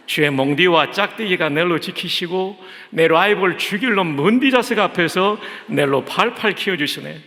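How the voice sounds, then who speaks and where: A male preacher voicing a gruff, homely man with a Gyeongsang accent, brusque and folksy. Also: sits high, sharp tone, voice pushed up, full character voice. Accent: Gyeongsang dialect of Korean. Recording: echoey church hall.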